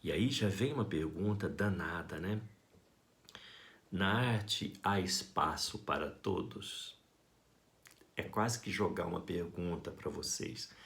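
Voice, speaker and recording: A Brazilian man giving a school art lesson, talking to his students in a playful, affectionate and expressive way. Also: deep voice, takes it slowly, vocal fry. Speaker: art teacher.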